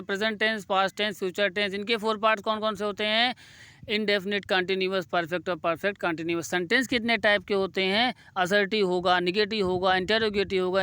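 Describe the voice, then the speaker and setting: A man teaching English grammar, dictating example sentences slowly and explaining in quicker bursts. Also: high-pitched, pushed and bright, clear, resonant tone, no echo. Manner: slow, drawn-out dictation of example sentences, brisk explanations in between. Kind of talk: spoken English lesson.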